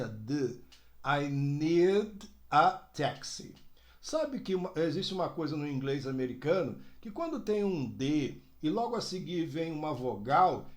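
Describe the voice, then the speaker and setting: A man teaching an English lesson to learners, lively and direct, slowing down to model phrases. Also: fairly high pitch. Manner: addresses learners directly, frequent "né?" and "ó". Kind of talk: video language lesson.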